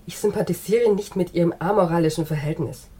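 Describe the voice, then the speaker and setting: A woman voicing a polite elderly gentleman who speaks in stiff, formal phrases. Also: lowish voice, quick pace, slightly rough.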